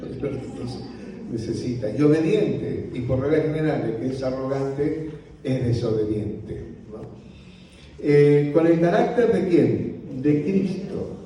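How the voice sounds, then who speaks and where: A man with a Rioplatense accent teaches church leaders in a gentle, unhurried voice, tagging his points with a soft "right?". His tone is dark and mellow. He is picked up from a distance in a large, echoey hall with a long reverb. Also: medium pitch, slight background noise. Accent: Rioplatense Spanish. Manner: slow, unhurried delivery with frequent "¿no?" tags; softly spoken. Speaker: pastor. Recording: roomy hall audio from a distance.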